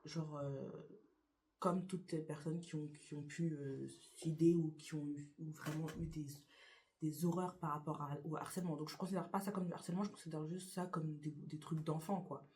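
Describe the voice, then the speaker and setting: A young woman talking through a casual get-to-know-me tag in her bedroom, pausing often and starting her sentences over. Her voice sits a little low for a woman. A faint room hum runs under her talk. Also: fairly even intonation, warm tone. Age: young adult. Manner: hesitant, many fillers and restarts. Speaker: YouTuber. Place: her bedroom beside a window.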